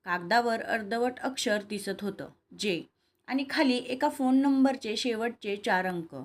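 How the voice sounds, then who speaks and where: A woman's voice: fairly high pitch, measured pace. A woman reading a romantic serial story aloud, voicing every character in her own voice. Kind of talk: scripted story narration with dialogue.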